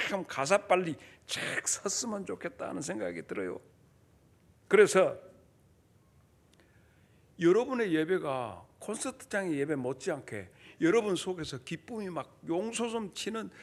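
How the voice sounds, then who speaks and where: A middle-aged man gives a lively sermon in a high, light voice. He talks in a folksy, joking way and acts out quick scenes from home and school. He keeps pulling the congregation in to answer together. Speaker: pastor.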